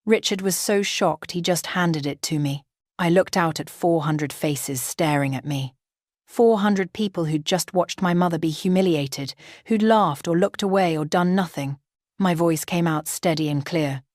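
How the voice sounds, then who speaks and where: A woman narrating a first-person story in a steady, dramatic way. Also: on the low side, a little slow, no room sound, clean studio sound.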